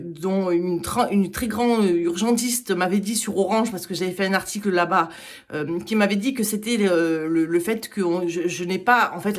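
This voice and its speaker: A woman giving an opinionated campaign speech, halting with many hesitations and restarts. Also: mid-range voice. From Italian heritage. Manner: blunt, opinionated rant. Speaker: political candidate.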